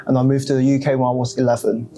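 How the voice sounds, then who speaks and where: A young man from Hong Kong, a student chatting in a relaxed way with short, simple phrasing. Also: mid-range voice, rapid-fire, faint music behind, low-quality recording. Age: young adult. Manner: laid-back, simple phrasing, short reactions. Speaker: student discussion participant. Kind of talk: casual debate chat.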